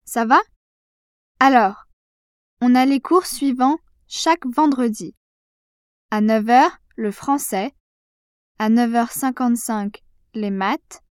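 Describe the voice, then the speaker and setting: A woman leaving a voicemail in a scripted lesson, listing items slowly and carefully. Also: on the high side, clear, resonant tone, dry recording, studio quality. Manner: slow, carefully enunciated listing.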